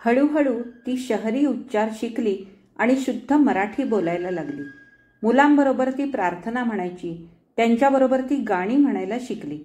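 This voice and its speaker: A woman's voice: on the high side, normal speed, dark tone. Woman reading a story in an echoey room. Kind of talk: read storybook narration. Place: studio.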